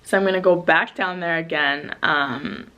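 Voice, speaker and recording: A woman's voice: low-pitched, moderate pace, lo-fi sound. A young woman from Canada, telling a story in a casual vlog and saying "like" constantly. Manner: heavy use of "like" filler, animated retelling. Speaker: travel vlogger.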